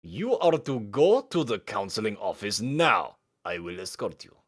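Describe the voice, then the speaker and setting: A man's voice: lowish voice, very animated, a little slow. A man voicing a huge, stern male literature teacher with a thick Russian accent, giving curt commands. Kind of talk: voice acting a visual novel.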